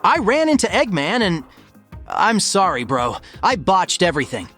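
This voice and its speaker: A man's voice: high-pitched, big pitch swings, normal speed, fairly bright tone, faint music behind, full character voice. A man voicing a cocky, kind-hearted young hedgehog hero in a comic dub, casual and slangy. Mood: guilty.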